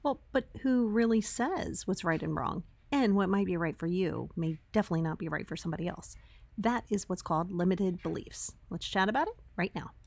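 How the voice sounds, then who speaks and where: A woman's voice: lowish voice, animated, brisk, creaky, noisy background. A woman hosting a podcast in casual, conversational solo talk, recorded on a laptop's built-in microphone that sounds tinny. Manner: chatty, conversational, rhetorical check-ins. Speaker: podcast host. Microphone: laptop microphone, with headphones on.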